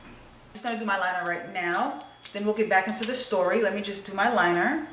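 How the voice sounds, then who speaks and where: A young woman vlogger chatting casually while doing her makeup, expressive and swearing freely. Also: medium pitch, brisk, far from the mic, slight background noise. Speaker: beauty vlogger. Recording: echoey room, voice a bit off-mic.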